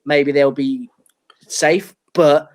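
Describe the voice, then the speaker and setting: A man co-hosting a casual football podcast, making measured predictions with some fillers. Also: a little high, steady tone. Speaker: podcast co-host. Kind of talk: casual football debate chat.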